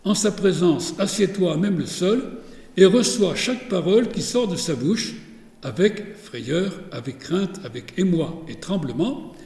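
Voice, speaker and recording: A man's voice: high voice, dark tone, roomy sound, in a large hall. A man giving a lecture on religious texts, digressive, with many fillers and restarts.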